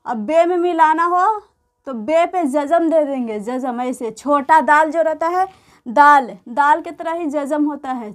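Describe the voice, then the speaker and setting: A woman teaching beginners to read and write, explaining patiently and repeating each word and letter slowly. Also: high-pitched. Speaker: Urdu teacher. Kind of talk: slow explanatory lesson.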